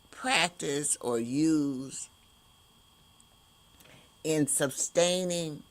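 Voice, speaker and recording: A woman hosting an inspirational podcast, speaking in slow, drawn-out emphatic phrases. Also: sits low. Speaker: host.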